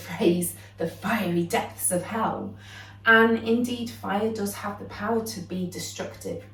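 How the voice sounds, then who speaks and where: A young woman introduces a yoga practice in a calm, explanatory way, now and then pausing on an "um". She sounds set back from the microphone. Her voice rings in a roomy, echoing space. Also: medium pitch, far from the mic, a little hiss or hum. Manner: calm, explanatory, with frequent "um" fillers. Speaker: yoga teacher. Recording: roomy echo, voice a bit off-mic.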